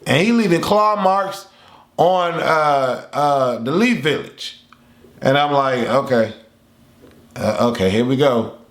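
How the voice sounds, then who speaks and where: A man reviewing an anime episode in a rambling, animated casual chat, laughing often. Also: fairly high pitch, slow pace. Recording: roomy echo.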